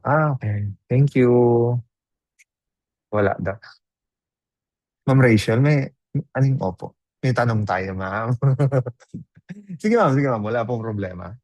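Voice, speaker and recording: A man's voice: mid-range voice, big pitch swings, takes it slowly, pauses often, a little mellow, dry recording. A man giving a live online training, chatting casually, mixing Tagalog and English, and putting questions to the audience. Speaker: webinar trainer.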